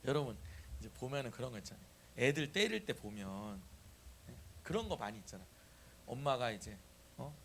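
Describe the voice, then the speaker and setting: This pastor's voice is mid-range and a little fast, and the recording carries a slight hiss or hum. He preaches with energy in the church sanctuary, prompting the congregation to respond and echo him.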